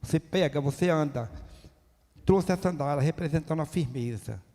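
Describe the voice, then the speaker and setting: A man's voice: on the high side, normal speed. A man preaching a sermon, emphatic and full of rhetorical questions. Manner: emphatic, rising to near-shouting at climaxes, rhetorical questions. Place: church hall. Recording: long reverb of a church hall.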